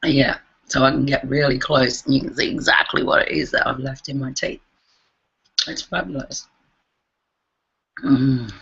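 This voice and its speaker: A man's voice: mid-range voice, steady tone, normal speed, gravelly, long pauses, bright, forceful tone, breathy edge, highs cut off. A man co-hosting a casual online video-call show, weary and self-mocking, joking with his co-host. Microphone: webcam.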